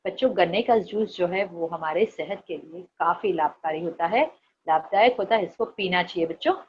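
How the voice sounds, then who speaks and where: A woman's voice: fairly low pitch, normal speed, highs cut off, slight background noise. A middle-aged woman teacher with a Marathi accent, teaching young children online, coaxing and repeating each word, asking questions and answering them herself. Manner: coaxing, repeats words, asks and answers her own questions. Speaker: primary school teacher.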